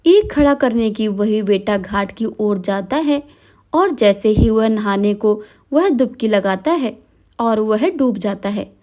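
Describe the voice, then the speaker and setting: A woman narrating a devotional folk tale in a steady, dramatic storytelling manner. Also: mid-range voice, takes it slowly.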